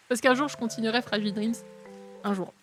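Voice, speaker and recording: A woman casually commenting on a game stream and reading the game's dialogue aloud, expressive and chatty, with a habit of mocking characters. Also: a little fast. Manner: chatty and expressive, mocking other characters in exaggerated high tones. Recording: faint game music underneath.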